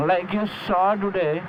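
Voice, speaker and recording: A man with an Indian accent talking casually from inside a motorcycle helmet as he rides and vlogs. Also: sits high. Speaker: motorcycle vlogger. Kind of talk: casual talk to camera while riding. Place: outdoors, riding a motorcycle. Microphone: mic inside a helmet. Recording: muffled helmet audio, loud road and wind noise. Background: loud wind, engine and traffic.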